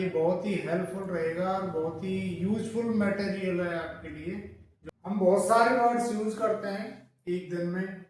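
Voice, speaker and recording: A man from India teaching English pronunciation in a slow, deliberate lesson, spelling words out letter by letter and repeating them. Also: sits high, a little mellow, heavy reverb, recorded from a distance, rough recording. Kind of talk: classroom-style lesson.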